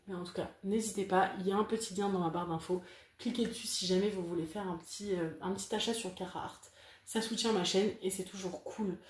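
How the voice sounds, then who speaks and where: A woman's voice: mid-range voice, a little mellow, reverberant. A woman talking casually to her viewers in a frank, rambling vlog review, full of fillers and repeated words. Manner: chatty, frank, rambling with many fillers and repetitions. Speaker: craft vlogger reviewing a diamond painting kit.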